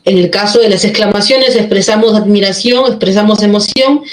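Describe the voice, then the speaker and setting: A woman teaching a grammar lesson who explains step by step and keeps checking in with quick questions. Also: mid-range voice. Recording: echoey room.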